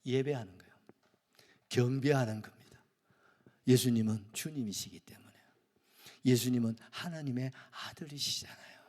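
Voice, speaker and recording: Gyeongsang man preaching, husky voice, long reverb off the church walls, whisper-to-loud swings. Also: mid-range voice. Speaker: pastor. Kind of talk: sermon. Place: church sanctuary.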